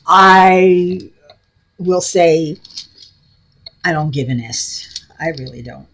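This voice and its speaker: The craft vlogger, a middle-aged woman with a New York accent, rambles in a casual, blunt way from her home craft room and laughs a lot. She talks slowly in a lowish, somewhat bright voice.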